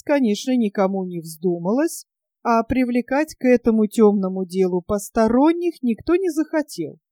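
A woman reads a story aloud in a measured, expressive way. Her voice is fairly high and soft, with a mellow warmth. The recording is dry and close. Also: dry recording. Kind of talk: storybook narration.

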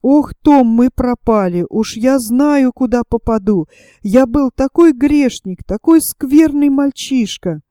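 A woman voicing a frightened, superstitious ragged boy who talks in anxious, pleading hushes. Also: high-pitched, expressive, slow, no echo, clean studio sound. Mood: remorseful.

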